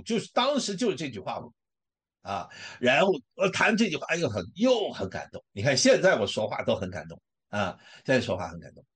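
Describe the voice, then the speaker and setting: Husky guy telling his faith story, voice swings up and down a lot, lots of fillers. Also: mid-range voice. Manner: emotional, animated storytelling with many fillers. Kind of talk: personal testimony talk.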